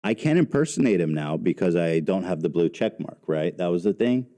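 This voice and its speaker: A man talking in a casual, sarcastic, deadpan way, heard through low quality stream audio played back. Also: brisk.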